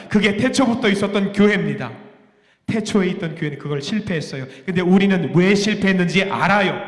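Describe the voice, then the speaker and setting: Male pastor with a fairly high voice, sermon recorded in a roomy church sanctuary, engaging and jokey with the congregation. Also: bright, forceful tone. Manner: asks the congregation questions and jokes with them; repeats key phrases with rising emphasis. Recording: echoey hall with long reverb.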